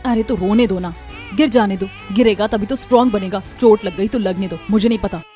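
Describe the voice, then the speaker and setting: एक महिला एक कार्टून कहानी में एक घमंडी, लापरवाह युवा माँ की आवाज़ दे रही है, तीखे और टालने वाले अंदाज़ में।. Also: female voice, medium pitch, fairly quick, natural voice. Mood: haughty. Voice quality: sharp, dismissive. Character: arrogant young modern wife, careless mother. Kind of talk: Hindi cartoon voice acting. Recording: light music behind voice.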